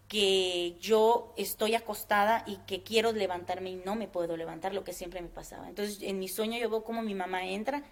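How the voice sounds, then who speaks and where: Woman guest, mid-range voice, earnest and halting, sharing a personal faith testimony. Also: mid-range voice. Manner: earnest, halting, with many fillers.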